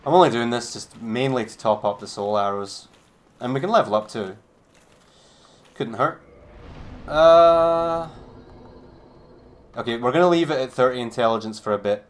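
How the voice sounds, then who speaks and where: A man's voice: medium pitch, lively intonation, fairly quick. A man streaming a game, giving laid-back, chatty commentary with a wry edge. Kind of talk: casual gameplay commentary.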